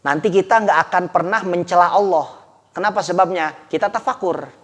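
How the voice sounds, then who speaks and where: A man preaches in a casual, lively way, calling out to his listeners as he goes. His voice sits fairly high for a man. It rings with the long echo of a large hall. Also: brisk. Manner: animated, colloquial, addressing listeners as Pak, with laughter. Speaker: Islamic preacher. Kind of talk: sermon. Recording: echoey hall recording.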